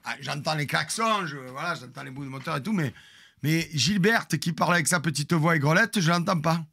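A man's voice: on the high side, fairly quick, creaky, pushed and bright, husky. A man in his fifties telling a story in a crude, theatrical, jokey way, with asides to his chat. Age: 50s. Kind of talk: casual storytelling.

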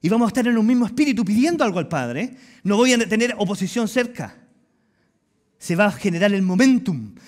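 A middle-aged man with a Chilean accent, preaching a sermon as pastor and acting out voices in lively storytelling. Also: high-pitched. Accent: Chilean Spanish. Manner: animated storytelling, acts out voices and dialogue.

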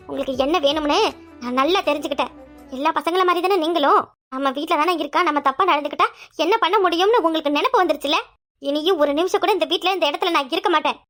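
A woman's voice: high voice, very fast, soft background music. A woman voicing a proud, defiant young wife in a cartoon drama, answering back indignantly. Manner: indignant, sharp retorts.

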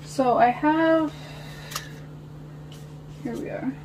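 Chatty lady rambling to her viewers while sorting drawers, kinda high voice, hissy room. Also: drawn-out words. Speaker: nail art vlogger. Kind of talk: casual chat while organizing. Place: home nail studio, sitting on the floor.

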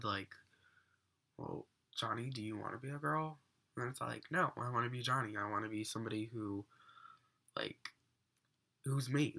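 Still shaking off an illness, a teenage vlogger rants to the webcam on his bedroom desk, restarting often and leaning on fillers. His mid-range voice is gravelly yet bright, with a forceful tone, though slightly off.

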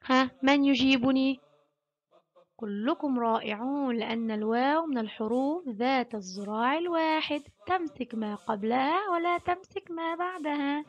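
A woman with a high-pitched voice leads a phonics lesson for young children. She draws each sound out slowly and praises her class often. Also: muffled recording. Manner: slow, drawn-out syllable sounding with warm praise. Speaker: kindergarten Arabic teacher.

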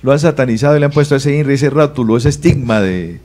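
A man on a sports radio panel asking a guest questions in a quick, insistent way. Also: mid-range voice, a little mellow. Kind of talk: radio-studio interview.

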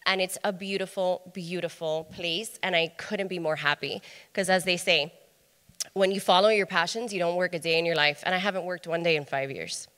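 A woman's voice: on the low side, moderate pace. Woman telling her story in an echoey hall. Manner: animated storyteller, acts out dialogue. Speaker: conference speaker. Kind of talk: personal story talk on stage. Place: large hotel conference hall.

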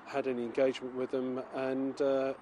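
A male police officer appealing for information in a flat manner. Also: mid-range voice, normal speed, a little hiss or hum. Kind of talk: press statement.

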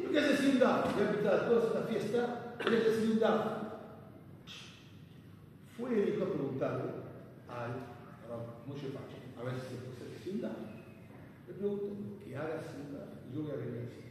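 A middle-aged man from Argentina, a rabbi giving an animated storytelling sermon in a large synagogue hall, recorded by a far camera. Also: sits high, a little slow, long pauses, background noise. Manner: animated storytelling with sweeping gestures.

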